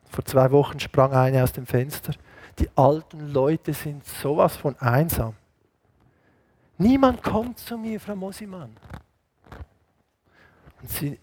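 A middle-aged man preaching an animated sermon full of stories, jumping between loud outbursts and hushed asides. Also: on the high side, no room sound. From Switzerland. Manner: animated, switches between shouting and hushed quoted voices. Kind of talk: lively sermon with anecdotes.

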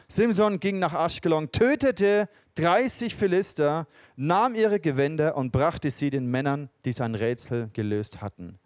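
A man preaching a sermon in German, retelling stories with loud bursts and quiet asides. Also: fairly high pitch, no echo, studio quality.

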